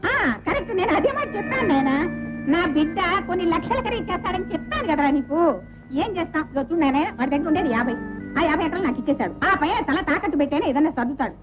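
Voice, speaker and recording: A woman's voice: high-pitched, expressive, rapid-fire. An actress playing a domineering, sarcastic middle-aged mother-in-law in an old film. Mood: scolding. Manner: scolding, sarcastic. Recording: dull old film soundtrack with music.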